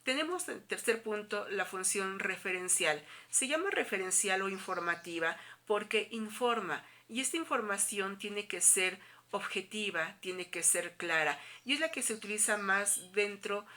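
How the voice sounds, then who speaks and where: A woman's voice: medium pitch, a little slow, sharp tone. A woman teacher with a Mexican accent, explaining a lesson to students in a recorded video, patient and full of examples. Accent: Mexican Spanish.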